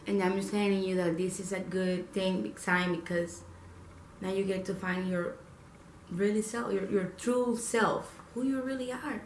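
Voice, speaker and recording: A young woman vlogging in a casual way, talking fast through her spiritual experiences, full of "like" and frequent swearing. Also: medium pitch, a little hiss or hum. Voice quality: animated, swears freely, lots of "like". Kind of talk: casual spiritual vlog talk. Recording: echoey room with faint ambience.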